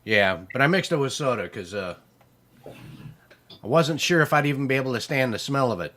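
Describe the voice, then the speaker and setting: A man's voice: medium pitch, expressive, normal speed, bright, forceful tone. A middle-aged man hosting a casual chat show, rambling in an easygoing way with a dry sense of humor. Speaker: show host.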